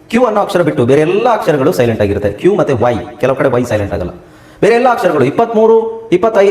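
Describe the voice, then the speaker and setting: Guy teaching english, fast and lively, echoey room. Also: fairly high pitch. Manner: lively, repeats and drills letters and words. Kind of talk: classroom lesson. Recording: roomy echo.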